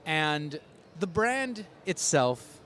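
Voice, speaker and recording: A podcast host reads sponsor spots and a scripted intro with upbeat emphasis, then shifts to a soft, chatty, casual interview with a guest. His voice is on the high side, with big pitch swings and drawn-out words, and there is slight background noise.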